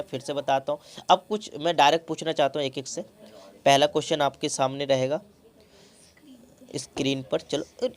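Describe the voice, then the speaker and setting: A man teaching a classroom math lesson as a tutor, constantly prompting his pupils with questions and calling them by affectionate terms. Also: on the high side. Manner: coaxing call-and-response questioning.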